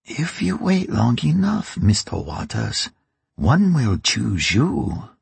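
A man voicing a dry, sly, ruthless old woman who runs a crime family, in a raspy, mocking audiobook voice. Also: medium pitch, big pitch swings, slow pace, dry recording, voice pushed up, exaggerated voice. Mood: probing. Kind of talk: audiobook character reading.

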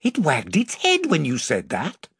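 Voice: medium pitch, wildly swooping pitch, unhurried, slightly rough, no echo, clean studio sound, heavily acted. A reader voicing a wry, sceptical boy king.

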